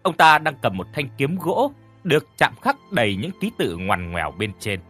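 A male storyteller narrates a horror tale in an expressive, dramatic way. His pitch moves lively up and down. Faint music plays underneath. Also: normal speed, slightly rough, dry recording.

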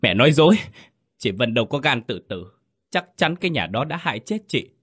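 A man's voice: mid-range voice, very animated, fairly quick, a bit bright, husky, pitched above the performer's own voice. Man voicing a frightened, tearful village girl. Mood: anguished. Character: frightened teenage girl, grieving and defiant. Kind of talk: ghost story reading.

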